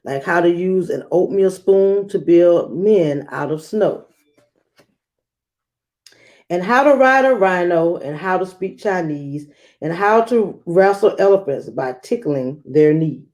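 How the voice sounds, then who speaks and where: In a lowish voice, a woman playing a teacher hosts a read-aloud for children, keeping her storytelling measured and expressive.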